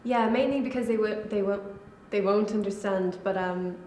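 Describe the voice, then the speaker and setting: A young woman, a college student, answers interview questions casually and talks in a relaxed way full of fillers. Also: mid-range voice, normal speed, slight background noise. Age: young adult. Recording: echoey room.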